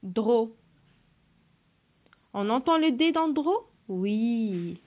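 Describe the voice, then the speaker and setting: A woman's voice: fairly high pitch, expressive, very slow. A woman teacher leading a reading lesson for children, sounding out syllables one by one and repeating each instruction. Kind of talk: slow classroom reading lesson. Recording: tinny phone-like audio.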